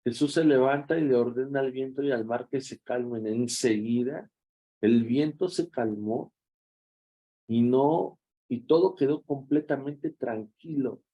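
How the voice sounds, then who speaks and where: A man's voice: mid-range voice, a little slow, phone-quality sound. A man with a Mexican accent, a pastor giving a devotional sermon in a conversational, storytelling way.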